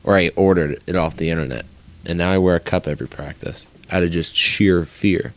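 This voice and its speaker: A young man co-hosting a podcast, telling stories in fast, profane, animated casual chat. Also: deep voice. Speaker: podcast co-host.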